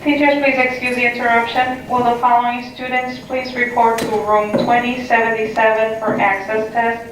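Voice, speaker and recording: Woman on a school intercom, flat. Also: fairly high pitch, normal speed, slight background noise. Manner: reading a list of names evenly. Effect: school intercom loudspeaker announcement. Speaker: school announcer. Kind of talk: formal announcement. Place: classroom, voice from a wall speaker. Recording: echoey loudspeaker heard from far off in a classroom.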